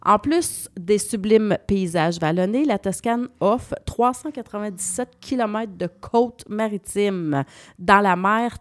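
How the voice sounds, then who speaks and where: Québécois woman, travel columnist, dry close sound, lively explainer. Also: medium pitch, no echo. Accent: Québécois French. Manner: lively, explanatory, spells out place names. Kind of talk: radio travel segment.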